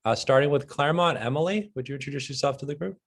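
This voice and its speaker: A man facilitating a meeting, brisk and polite, calling on people one by one over a video call. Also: mid-range voice. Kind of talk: running a meeting.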